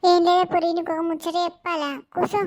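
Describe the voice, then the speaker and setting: Shrill Telangana village gossip auntie, comic skit, woman performer. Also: flat delivery, quick pace. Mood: gossipy. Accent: Telangana Telugu. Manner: shrill, scolding, loud.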